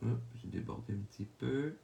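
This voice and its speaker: A man with a Québécois French accent narrating a drawing tutorial, calmly explaining each step and often checking in with viewers. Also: on the low side, a little fast, vocal fry, a little hiss or hum. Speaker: drawing instructor.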